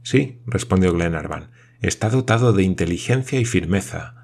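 A man voicing a commanding male nobleman in an audiobook, measured and authoritative. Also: low-pitched, expressive, gravelly, darkish tone, slightly rough, full character voice. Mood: reflective.

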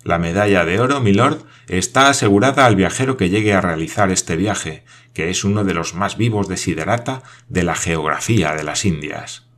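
In an audiobook reading, an excitable, absent-minded geographer, played by a man, declaims in a rapid, enthusiastic rush. The voice sits low and deep for all his eagerness.

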